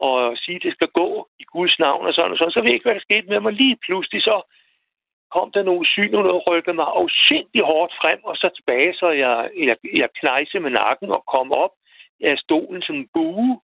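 A man calling in to a radio show, telling a personal story in a halting way, repeating words as he goes. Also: sits high, expressive, creaky, dry recording. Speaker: radio caller. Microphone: telephone. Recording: tinny phone line, dry.

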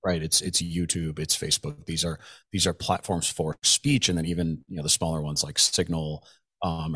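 Low-voiced man hosting a podcast. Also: a bit bright, husky, no room sound. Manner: conversational, frequent "right?" asides. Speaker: podcast host. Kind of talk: casual policy chat.

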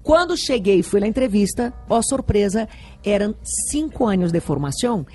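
Woman, Brazilian Portuguese accent, husky, laughing, rambling, casual interview. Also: mid-range voice, moderate pace, faint music behind. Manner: lively, laughing, rambling storyteller. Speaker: sexologist guest.

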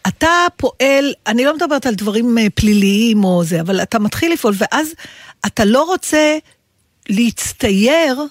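A woman's voice: a little high, expressive, dry recording, studio quality. A woman co-hosting a casual talk show, chatty and restarting her sentences as she thinks aloud. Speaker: radio co-host. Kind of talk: casual talk-radio discussion.

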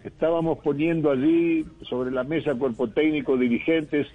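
Coach on a dull radio line. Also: male voice, fairly high pitch, steady tone, moderate pace. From Uruguay. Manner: reflective, rambling with many fillers and restarts. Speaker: football coach. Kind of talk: radio phone interview.

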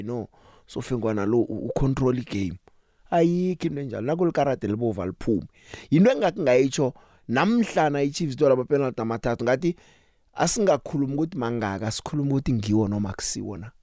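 A man's voice: mid-range voice, mellow, dry recording, studio quality. A South African man hosting a radio sports talk show, speaking emphatically and rhetorically with strong opinions.

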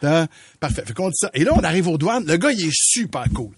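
A man's voice: on the high side, fairly quick, slightly rough. A man with a Quebec French accent hosting a radio show, telling a story in casual chat and laughing as he goes. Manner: animated, laughs while telling stories.

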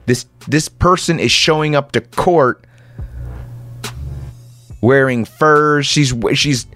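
A man delivering an impassioned, sarcastic monologue to listeners like a conspiratorial late-night rant, with rhetorical questions, repetition and dramatic pauses. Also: fairly high pitch, fairly bright tone, no room sound, soft background music. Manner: dramatic pauses and repeated phrases. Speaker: commentator host.

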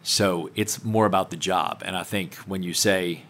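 A man's voice: deep voice, fairly even intonation, normal speed, fairly bright tone. A man, a parish councilman answering interview questions in a confident, plainspoken way. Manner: confident, plainspoken, laughs easily.

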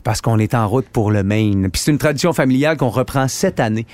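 A man's voice: mid-range voice, expressive, a little fast, a little mellow, dry recording. A man with a Quebec French accent hosting a morning radio show, teasing a caller in casual banter. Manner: joking, teasing, chatty.

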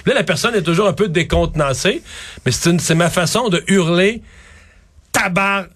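Emphatic Québécois man, fairly high voice. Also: fairly quick, a bit bright, dry recording. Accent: Québécois French. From Quebec. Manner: argumentative, storytelling, emphatic. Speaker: radio commentator. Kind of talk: casual radio chat.

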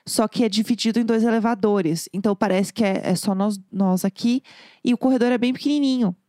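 A woman co-hosting a casual chat, lively and expressive, with jokey asides and bright quoted voices. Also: mid-range voice, a little fast, no room sound, studio quality.

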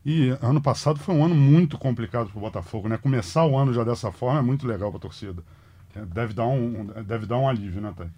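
A man hosts a sports talk, firing off brisk, prompting questions. He speaks quickly with a husky edge. His pitch sits mid-range. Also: mellow. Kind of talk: casual sports discussion.

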